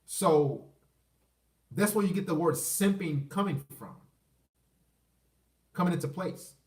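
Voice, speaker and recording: A man's voice: on the high side, slow pace, a little mellow. A man ranting to camera in a blunt, crude and repetitive way, often restarting his phrases. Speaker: vlogger. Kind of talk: casual rant to camera. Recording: echoey room, voice far from the mic.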